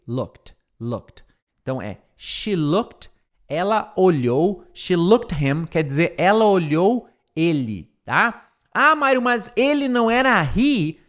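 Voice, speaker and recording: A man with a Brazilian Portuguese accent teaching an English lesson, explaining in Portuguese and slowly repeating English words to drill pronunciation. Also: a little high.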